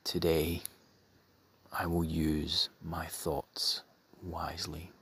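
A man softly leading a guided meditation in a breathy, soothing half-whisper, with measured phrases and long pauses. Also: low voice, little pitch movement, slight background noise.

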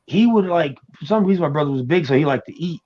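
A man from the United States, raised in New York and Florida, talking as an interview guest in a relaxed, hesitant way with many ums. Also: on the high side, quick pace, muffled recording, soft background music. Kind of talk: casual interview chat.

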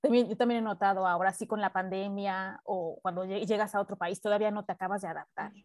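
A woman hosting a podcast, chatting in a lively way and asking her guest questions. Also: medium pitch, fast talker, dry recording. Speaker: podcast host. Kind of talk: casual interview chat.

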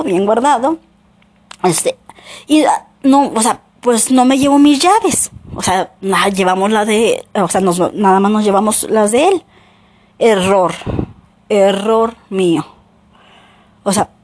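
A young woman with a Mexican Spanish accent tells a personal story in a loose, casual way. Her voice sits a little high, and she rambles, correcting herself often and filling pauses as she goes. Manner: rambling, many "o sea" and "este" fillers, self-corrections.

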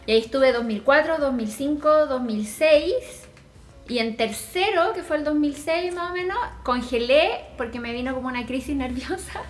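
Woman, Chilean accent, thirties, high voice, chatty, slangy, roomy echo. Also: moderate pace. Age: 30s. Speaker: guest. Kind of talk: casual chat.

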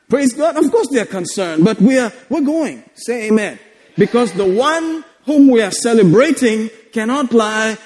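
A man's voice: high-pitched, darkish tone. A man with a Malayali Indian English accent preaching a sermon in a conversational, joking, exhorting manner, often calling for amens. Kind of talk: sermon to a congregation, exclamatory call-outs. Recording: echoey hall with long reverb.

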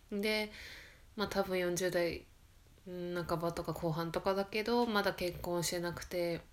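A woman hosting her own talk podcast, chatting casually late at night in a quiet, low-energy voice that keeps slipping into a whisper, rambling and correcting herself as she goes. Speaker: radio podcast host.

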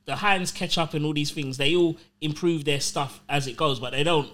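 Male DJ, informal banter, forceful bright tone, pitch a touch high. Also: normal speed. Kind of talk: casual group banter.

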